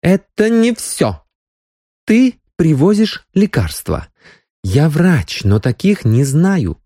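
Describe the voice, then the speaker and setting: An anxious young woman doctor presses hard for the truth, voiced by a male audiobook reader. She sits well above his usual pitch, with a lively, swinging melody. The recording is dry and close. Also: slow pace, dry recording, heavily acted. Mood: insistent. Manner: pleading, pressing. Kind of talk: audiobook character voicing.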